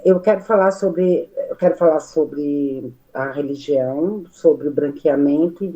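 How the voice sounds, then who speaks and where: Brazilian woman, unhurried, dark warm tone, restarts a lot. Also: low voice, highs cut off. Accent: Brazilian Portuguese. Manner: animated, gesturing, many fillers and restarts. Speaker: study group participant. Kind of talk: spoken reflection in a study meeting.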